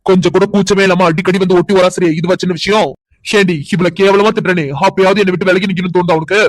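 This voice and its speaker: A man's voice: sits high, level tone, fast talker, no room sound, lightly acted. A man voicing a contemptuous young husband in a cartoon drama, delivering scolding tirades. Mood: scornful anger.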